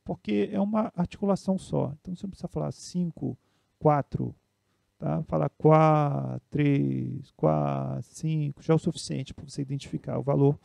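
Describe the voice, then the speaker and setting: Brazilian male music teacher, patient step-by-step explainer, higher-pitched voice with a gravelly edge. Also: fast, warm tone, no echo, studio quality. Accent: Brazilian Portuguese. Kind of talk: spoken piano and music theory lesson.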